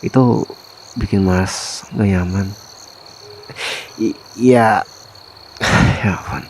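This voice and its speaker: A man voicing a remorseful young husband softly pleading with his wife, in a whispered role-play that sprinkles in English phrases. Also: fairly low pitch, extremely slow, slight background noise, rough recording. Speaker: ASMR voice actor.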